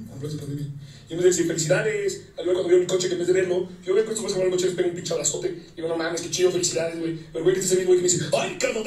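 Fast-talking Mexican man ranting, echoey. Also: on the high side, a little mellow. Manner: fast, coarse, slangy, acts out quotes. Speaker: comedian recounting a wedding fight. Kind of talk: ranting storytelling. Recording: echoey, distant, faint noise.

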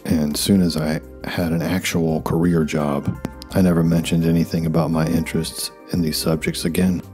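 Male narrator, forties, extremely low register, dry self-deprecating documentary read over faint music. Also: flat delivery, moderate pace, a little mellow. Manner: wry, self-deprecating asides. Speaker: YouTube narrator.

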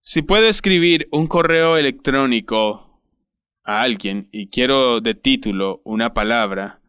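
A man preaching a sermon in a deliberate, emphatic way, dwelling on repeated words. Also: mid-range voice, bright, forceful tone, dry recording, clean studio sound. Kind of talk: sermon voice-over.

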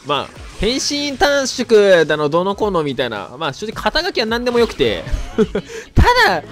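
A man narrates his own gameplay in a high, bouncy voice that rises and dips all over. He sounds a little stuffed up and raspy from a cold, and he talks in a chatty, excitable way. Faint music plays in the background. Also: moderate pace. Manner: chatty, excitable, breaks into shouts while playing. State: slightly nasal from a cold; hoarse. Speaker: gaming YouTuber. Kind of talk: live gameplay commentary.

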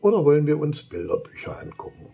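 A man's voice: fairly high pitch, wildly swooping pitch, fast, creaky, warm tone, breathy edge, highs cut off, voice pushed up, exaggerated voice. A man voicing an eager, kind young boy who coaxes with questions in a storybook reading.

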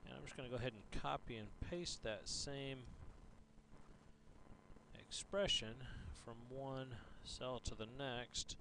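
Slow, halting man dictating software steps. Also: medium pitch, steady tone. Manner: dictating typed input piece by piece, halting. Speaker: software tutorial presenter. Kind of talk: instructional screen-recording narration. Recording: clear background hum and noise.

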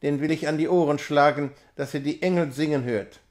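A proud young peasant barks out toasts and orders with swagger, as a man reading a novella puts him on. The voice sits slightly high for a man. It is a storybook reading, not a full performance. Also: brisk, darkish tone, natural voice. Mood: boastful. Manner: commanding, swaggering. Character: proud young male peasant, boastful dancer. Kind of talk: reading a classic novella aloud.

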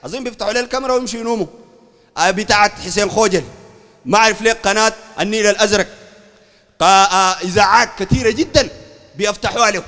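Fiery high-voiced Sudanese sheikh, fast. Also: male voice, sharp tone. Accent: Sudanese Arabic. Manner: fiery, keeps asking "understand?", raises his voice. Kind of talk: heated polemical religious lecture. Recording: long hall reverb.

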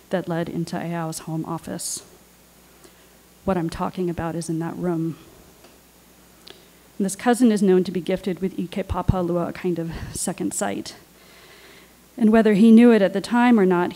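A woman on a panel, reading her own personal essay aloud in a measured, deliberate way. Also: on the low side, dark tone, low-quality recording. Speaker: writer and panelist.

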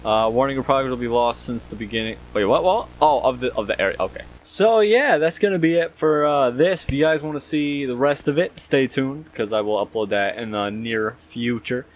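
A man's voice: mid-range voice, fairly quick, few pauses. A young man commenting casually on a horror game as a scared streamer, jittery and slangy, muttering to himself. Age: young adult.

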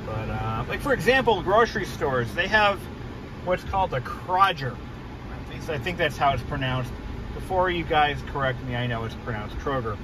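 Young man, casual driving vlog, rambling with ums, slightly high voice, road noise, dashboard phone mic. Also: expressive, moderate pace. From New England. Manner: rambling, self-correcting, with filler ums. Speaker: car vlogger. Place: inside a moving car. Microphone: phone camera on the dashboard. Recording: car and road noise behind.

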